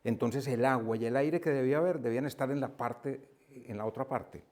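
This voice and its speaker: Male book club speaker, casual storytelling, average pitch. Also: a little fast, darkish tone. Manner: storytelling, laughs often, repeats himself. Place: coworking room with a small group.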